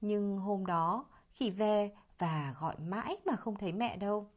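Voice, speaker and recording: A woman narrating a children's story in a gentle, expressive storybook manner. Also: mid-range voice, measured pace.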